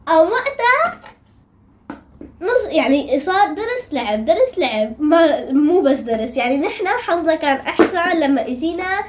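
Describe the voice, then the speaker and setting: A woman's voice: sits high, big pitch swings, moderate pace, hardly any pauses. A young female with a Syrian Levantine Arabic accent chats casually to viewers as she hosts a drawing video.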